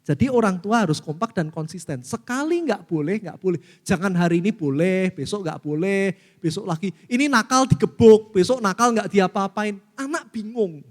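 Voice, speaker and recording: A man's voice: high-pitched, normal speed. A middle-aged pastor preaching a sermon with an Indonesian accent, calling out to the congregation as he teaches. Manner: lively preaching, often addresses listeners as saudaraku. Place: church hall. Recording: long reverb of a church hall.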